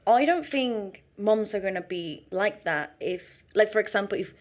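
A woman chatting on a podcast with a lively, swinging pitch. She talks loosely and warmly and often laughs mid-sentence. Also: normal speed. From Venezuela. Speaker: podcast co-host. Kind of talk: casual chat.

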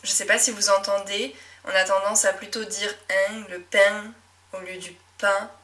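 A young woman from southwest France with a Médoc accent, a French teacher talking reflectively in a casual monologue, with frequent fillers and soft laughs. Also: medium pitch, level tone, normal speed, recorded from a distance. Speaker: French teacher and podcast host.

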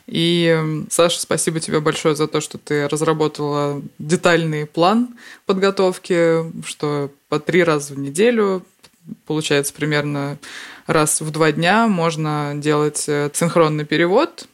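A woman's voice: deep voice, moderate pace. A woman co-hosting a podcast about interpreting, telling anecdotes in a chatty way and laughing often. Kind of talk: casual podcast conversation.

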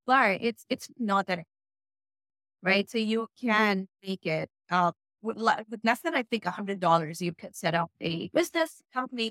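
Appearing as a guest in a relaxed interview, this freelance writer from Pakistan, whose first language isn't English, offers blunt, energetic, emphatic advice. Her voice is mid-range in pitch for a woman, captured dry and close with hardly any room echo.

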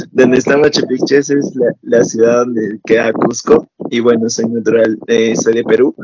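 A man's voice: medium pitch, little pitch movement, measured pace, lo-fi sound, background noise. A man in his twenties from Peru with a Peruvian Spanish accent, an enthusiastic guest who laughs often while chatting in an interview. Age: 20s. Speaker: guest dancer. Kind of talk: casual interview chat.

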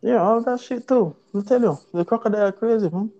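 Jamaican dude telling a wild story, swearing a lot, mellow low-toned voice, muffled audio. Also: male voice, brisk. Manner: profane, animated patois storytelling with acted-out quotes. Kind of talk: casual storytelling chat.

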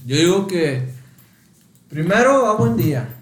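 A man's voice: high-pitched, sing-song, measured pace. A young man with a northern Mexican accent chatting casually on a podcast. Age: young adult. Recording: roomy, echoing sound.

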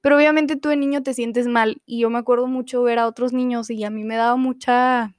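Young woman host, fairly high voice, rambling personal story, close dry mic. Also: steady tone, fairly quick, no echo. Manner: chatty, full of fillers and restarts. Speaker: podcast host.

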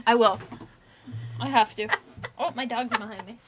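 A woman's voice: fairly high pitch, moderate pace, noisy background. A woman co-hosting a podcast, chiming in with teasing, playful remarks in casual chat. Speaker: podcast co-host.

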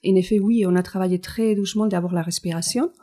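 A woman's voice: mid-range voice, steady tone, fast, mellow. A woman with a Spanish accent, a physiotherapist explaining her work in an interview with frequent fillers and restarts. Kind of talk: interview answers.

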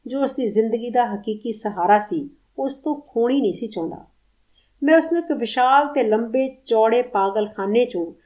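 A woman reading a literary short story aloud in a measured, expressive, somber way. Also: mid-range voice. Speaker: story reader.

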